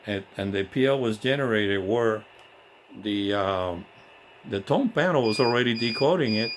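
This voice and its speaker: Animated and moderately paced, his voice on the low side, a non-native English-speaking radio technician demonstrates repeater equipment. His explanation is informal, enthusiastic and hands-on. The clip comes from an indoor home electronics workshop with clear ambient noise.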